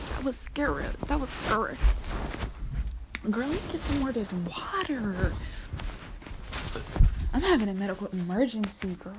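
A woman's voice: a little high, animated, normal speed, pauses often, very noisy. A woman chatting to camera in a casual solo vlog, rambling and drifting between normal talk and whispers, her voice going dry and failing. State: losing her voice, dry-throated. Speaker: vlogger.

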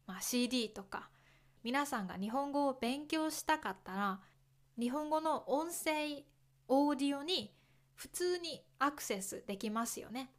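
A woman from Kyoto with a somewhat high voice hosts a podcast for Japanese learners. She speaks slowly and clearly, explaining gently with simple words and repeated examples. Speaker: podcast host teaching Japanese. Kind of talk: slow, clear talk for learners.

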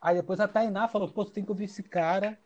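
A man co-hosting a casual chat, telling a story in an excited, slangy way. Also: high voice, fast talker, highs cut off, background noise.

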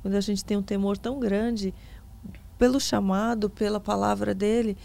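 A woman's voice: medium pitch, steady tone, normal speed, creaky, warm tone. A Brazilian woman interviewer talking conversationally about faith, agreeing and affirming as she goes.

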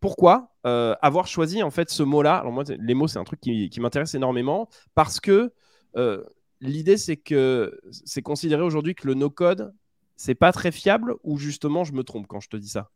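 A man's voice: a little high, expressive, moderate pace, no room sound, studio quality. A man hosting a casual podcast interview, asking questions with many fillers and hesitations. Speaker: podcast host.

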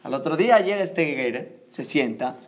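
A man teaching a lesson, retelling a Talmud story in a lively way and checking in with his listeners. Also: a little high, moderate pace. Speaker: religious teacher.

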